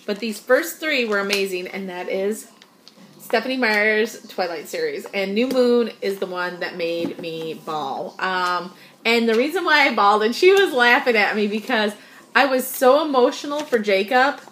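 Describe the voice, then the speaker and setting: A woman's voice: medium pitch, lively intonation, moderate pace, fairly bright tone, a little hiss or hum. A middle-aged woman hosting a casual chat about books, talking frankly and emphatically, often laughing. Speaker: host.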